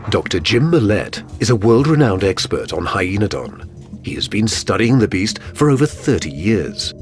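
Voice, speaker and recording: A man's voice: lowish voice, big pitch swings, moderate pace, soft background music. A man reading scripted documentary narration in a dramatic manner.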